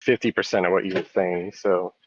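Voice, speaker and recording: A man in casual group chat who sounds like he is on speakerphone, asking hesitant, halting questions over a phone call. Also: deep voice, fairly even intonation, husky, dry recording.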